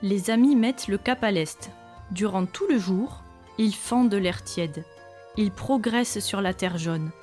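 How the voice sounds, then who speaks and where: A woman reading a children's story aloud in a lively, expressive way. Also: medium pitch, measured pace, soft background music.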